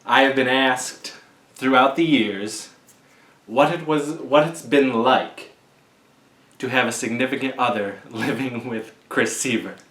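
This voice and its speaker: A man in his forties hosting a casual video chat in a jokey, halting manner. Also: mid-range voice, a bit bright. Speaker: video host. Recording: echoey room.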